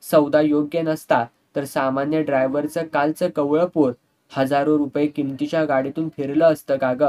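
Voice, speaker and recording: A man's voice: fairly high pitch, little pitch movement, moderate pace, a little mellow, natural voice. Guy doing a sleazy drunk rich villain, sneering and gloating, audiobook style. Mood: menacing. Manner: mocking, sneering, drops into Hindi couplets.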